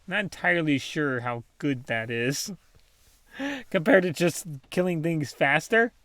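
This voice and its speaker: A man's voice: on the high side, expressive, unhurried, a bit bright, dry recording. A man casually commentating his own game play, thinking aloud with many ums and small laughs. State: has the hiccups. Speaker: gaming channel host.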